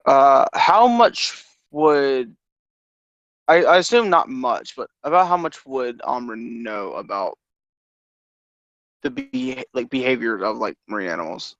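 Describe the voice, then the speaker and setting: A man playing a tabletop game, casual and halting, often starting his sentences over. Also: mid-range voice, lively intonation, fairly bright tone, no room sound, dull audio. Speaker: player.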